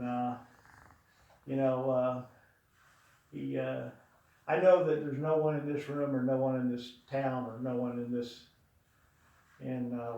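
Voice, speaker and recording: A man's voice: medium pitch, warm tone, highs cut off. An older man speaking at a memorial, telling fond, rambling stories about his late brother with many fillers. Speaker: eulogy speaker. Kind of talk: storytelling at a memorial. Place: large room before an audience. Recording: very echoey room, voice from far off.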